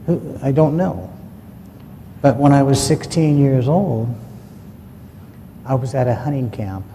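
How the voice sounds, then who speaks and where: A man's voice: mid-range voice, unhurried, warm tone. A man recounting a personal story in a folksy, plain-spoken way, acting out what his dad said. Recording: long hall reverb, faint ambient noise.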